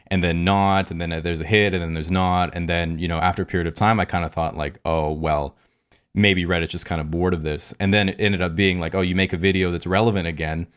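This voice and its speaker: A man with a very deep voice hosts a casual podcast interview. He talks in long, meandering, reflective turns. His questions build slowly as he thinks aloud. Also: steady tone, a bit bright, smooth. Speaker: podcast host.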